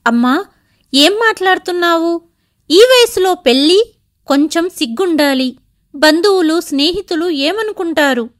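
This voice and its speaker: A woman voicing an angry grown son who speaks in sharp outbursts. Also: very high-pitched, expressive, unhurried, heavily acted. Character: grown son, hot-tempered and scornful.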